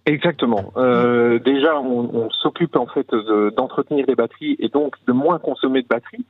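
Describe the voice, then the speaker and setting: A man's voice: mid-range voice, moderate pace, no room sound. A man giving explanatory interview answers as a company manager who is a guest on radio. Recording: tinny phone line on radio.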